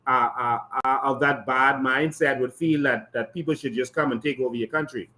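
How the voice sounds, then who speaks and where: A man's voice: medium pitch, steady tone, normal speed, pushed and bright. A man hosting an interview who reacts often with "wow" and "yeah" and asks pointed follow-up questions. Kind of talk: casual interview conversation.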